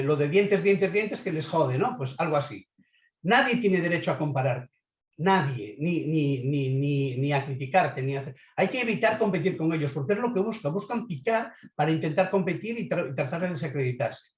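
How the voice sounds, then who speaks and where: A man giving a webinar lecture on leadership, offering measured advice and often checking in with listeners. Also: on the high side. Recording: echoey, slightly dull online audio.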